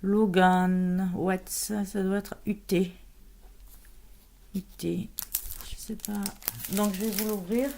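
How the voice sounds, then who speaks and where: A woman talks through a scrapbooking haul in a relaxed, unhurried way. She hesitates often, trailing off and restarting her sentences. A faint hiss sits under her voice. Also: mid-range voice, vocal fry. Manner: chatty, hesitant, many fillers and restarts. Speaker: scrapbooking vlogger. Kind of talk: casual haul unboxing.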